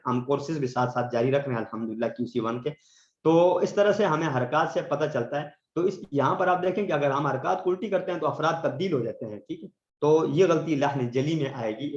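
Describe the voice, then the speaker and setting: A man teaching a tajweed lesson, explaining patiently and slowing down to recite verses as examples. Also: fairly high pitch. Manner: explains patiently, often checks with "theek hai?". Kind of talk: online tajweed lesson in Urdu. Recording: roomy, dull lo-fi sound.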